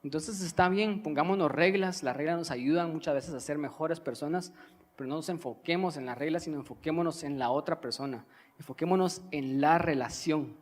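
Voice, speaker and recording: A young man from Guatemala, preaching a sermon in an earnest teaching manner, pausing to stress key words. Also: on the high side. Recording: reverberant church hall.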